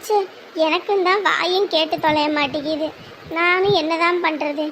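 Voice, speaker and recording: A woman's voice: extremely high pitch, steady tone, moderate pace, fairly bright tone, a little hiss or hum. A woman voicing a thrifty village mother who laments and scolds in broad rural speech. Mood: worried.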